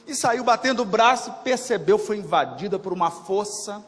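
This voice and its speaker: A man gives a spiritist lecture, his fairly high voice swooping up and down with lively energy. He speaks colloquially, repeats key phrases and asks his listeners questions. The sound carries a long hall reverb. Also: normal speed. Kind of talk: spiritist lecture to a live audience.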